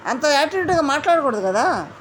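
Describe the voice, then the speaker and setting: A woman recapping a reality show in an indignant, animated commentary, mimicking the housemates she quotes. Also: high voice, quick pace, slight background noise.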